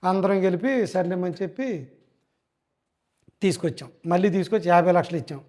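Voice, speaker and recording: A man recounts a group investment fraud, telling it in a hurried, repetitive way and politely calling the interviewer sir. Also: high voice, darkish tone. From Andhra Pradesh. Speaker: fraud victim.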